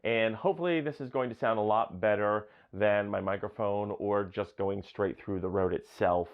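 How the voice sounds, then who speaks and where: A man with a deep, booming voice gives a casual, enthusiastic review of camera gear, chatting away with plenty of fillers at a normal pace. The sound is lo-fi, and the mic keeps changing between the built-in camera mic, a lapel mic and a wireless mic.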